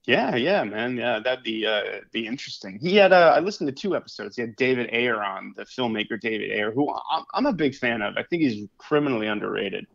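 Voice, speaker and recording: A man's voice: medium pitch, lively intonation, a little fast, gravelly, hardly any pauses, a bit bright. A man co-hosting a podcast in casual chat, laid-back, laughing often and saying "dude" and "man" a lot. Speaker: podcast co-host. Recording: dull lo-fi sound.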